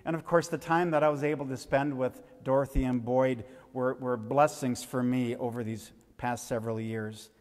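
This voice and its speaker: A man, a pastor, giving a funeral sermon and telling a gentle story to the children. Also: medium pitch, fairly even intonation, normal speed, hardly any pauses. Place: church sanctuary. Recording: reverberant church hall.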